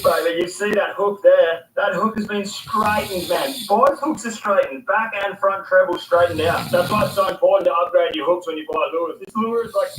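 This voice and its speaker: Excitable high-voiced man outdoors. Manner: excitable, exclaiming loudly, slangy. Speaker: fishing vlogger. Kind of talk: casual outdoor fishing commentary. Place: outdoors by the water. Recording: distant, echoey outdoor sound with noise.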